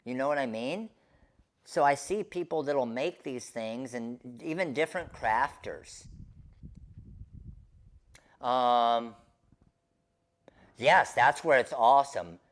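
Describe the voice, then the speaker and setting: A man with a medium-pitched voice hosts a live craft stream. He talks in a casual, chatty way, speaking directly to viewers as if he knows them. His delivery is informal and conversational.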